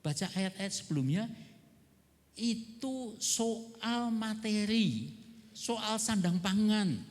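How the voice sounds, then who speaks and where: High-voiced pastor preaching. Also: male voice, animated, takes it slowly, in a large hall. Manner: conversational preaching with rhetorical questions and chuckles. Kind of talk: sermon. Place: church seminar hall.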